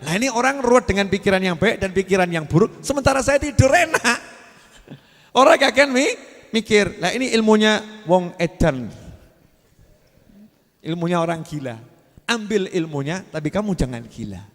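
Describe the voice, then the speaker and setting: Here the preacher's voice sits high and a bit bright, with lively intonation, moderate pace and frequent pauses, echoing in a large hall. Speaking with a Javanese-tinged Indonesian accent, he delivers a humorous sermon, teasing the audience and slipping into Javanese phrases.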